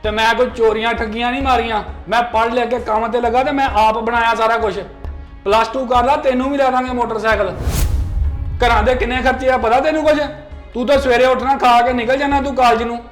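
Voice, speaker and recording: A stern older brother lecturing his spoiled sibling, played by a man. His voice is very high for a man. It is recorded in an echoey room with faint music behind. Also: fairly even intonation, brisk. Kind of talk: home-made family skit acting.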